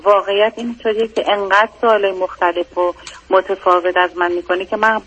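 A woman's voice: mid-range voice, fairly even intonation, a bit bright, dull audio, a little hiss or hum. A woman calling a radio advice show over the phone, explaining her situation anxiously and at length. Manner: anxious, explains at length, keeps saying "yes". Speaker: caller.

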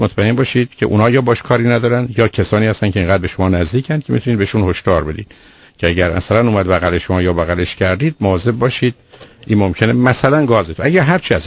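A man's voice: fairly low pitch, no room sound. A man giving firm child-rearing advice to a caller on a call-in show, explaining with everyday examples. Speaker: child psychologist answering a caller. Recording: dull lo-fi radio broadcast.

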